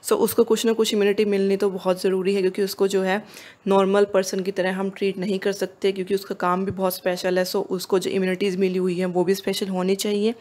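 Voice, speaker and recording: Flat-voiced woman teaching. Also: mid-range voice, a little fast. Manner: explanatory, mixes English and Hindi. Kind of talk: online lecture.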